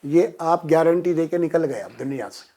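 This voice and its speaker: High-voiced preacher man chanting verses. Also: mellow. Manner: preaching with rising emphasis, chanting Arabic verses. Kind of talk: Quran lesson sermon.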